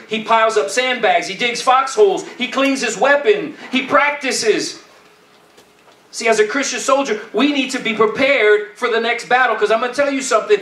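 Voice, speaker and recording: Pushed, bright and extremely high, the voice belongs to a middle-aged pastor preaching indoors on a church stage. He exhorts his listeners with colloquial repetition and frequent "amen?" checks, heard through echo and a distant camera pickup.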